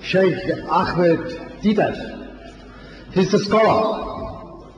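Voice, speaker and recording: A pastor speaks at a debate in a measured, modest way, pausing heavily between his very slow words. His fairly high voice echoes through a large hall with a long reverb tail. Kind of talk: debate remarks. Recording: echoey hall, muffled lo-fi sound, faint hiss.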